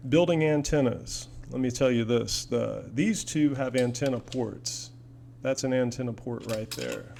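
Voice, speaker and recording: In a noisy home recording with a noticeable hum, a man hosts a hobbyist video from his apartment, showing off gear in a casual product demo. His voice is medium-pitched, creaky, and a bit mellow, and he speaks at a measured pace. His chat is rambling, folksy, and enthusiastic.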